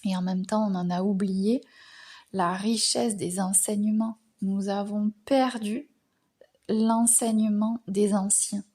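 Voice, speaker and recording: Slow, breathy French-born woman musing. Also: medium pitch, fairly even intonation, warm tone. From France. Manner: hesitant, frequent filler pauses, words trailing off into whispers. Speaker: astrology channel host. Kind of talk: reflective spoken monologue.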